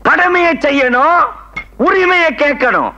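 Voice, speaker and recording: A man's voice: extremely high pitch, expressive, slow, pushed and bright, dull audio, slight background noise, heavily acted. An actor playing a grumbling older man who lectures others in a comedy film scene.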